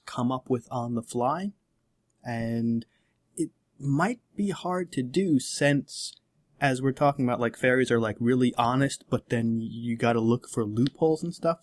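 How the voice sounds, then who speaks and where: A man who runs the game, talking casually on a podcast about tabletop play, rambling and correcting himself as he goes. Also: medium pitch. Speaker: game master.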